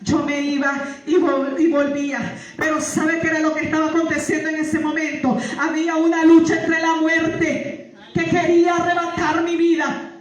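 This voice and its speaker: A woman giving a fervent church testimony. She repeats her phrases and breaks into praise, rising at times to shouting. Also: high-pitched, flat delivery, moderate pace. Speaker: testimony giver. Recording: echoey hall, far from mic.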